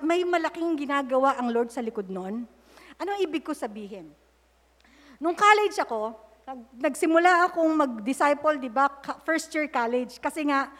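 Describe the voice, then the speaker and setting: A middle-aged woman preaching a sermon, telling candid personal stories and breaking into prayer mid-sentence. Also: high voice. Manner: candid storytelling mixing English and Tagalog, praying aloud mid-sentence. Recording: long hall reverb.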